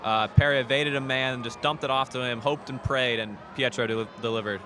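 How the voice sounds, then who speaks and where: Fast-talking male football color commentator. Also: medium pitch, fairly even intonation. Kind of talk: casual live American football analysis. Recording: noisy outdoor stadium broadcast.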